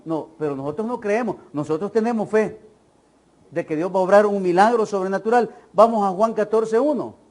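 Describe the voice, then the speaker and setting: A man's voice: high voice, darkish tone. A man preaching an evangelical sermon at a church service. He speaks emphatically, poses rhetorical questions and keeps telling the congregation to listen well.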